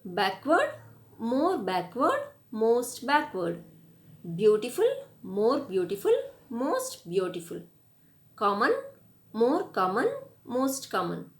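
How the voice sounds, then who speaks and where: A woman with an Indian English accent teaches English in a classroom grammar lecture, spelling words letter by letter and reading word lists. Her voice is a little high with big pitch swings, and she speaks slowly, pausing often.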